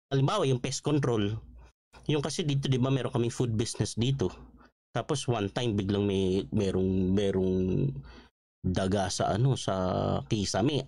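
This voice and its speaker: Male pastor-host, mid-pitched, dry close sound; emotional, animated testimony, code-switches into English. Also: dry recording. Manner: emotional, animated storytelling with many fillers; mixes Tagalog with English phrases. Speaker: pastor and online show host. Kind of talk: testimony-style preaching on a livestream.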